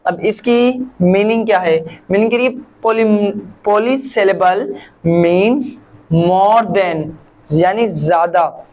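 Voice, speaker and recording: A man from Pakistan teaching a language lesson, patiently repeating each word slowly syllable by syllable. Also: sits high, darkish tone, rough recording. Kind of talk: classroom-style language lesson.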